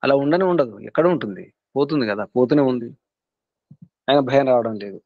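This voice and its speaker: A man's voice: medium pitch, fairly quick, no echo, muffled recording. A man with a Telugu accent, a guru giving a spiritual discourse to his students. He urges them on in earnest, repeating his points again and again. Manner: earnest, repetitive exhortation. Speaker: guru teaching a spiritual class.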